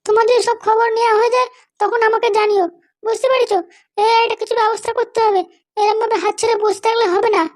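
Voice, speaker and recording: A cartoon's nagging mother, fretful and insistent, doting yet bossy toward her grown son, is voiced by a woman. The delivery is flat and quick, pitched extremely high.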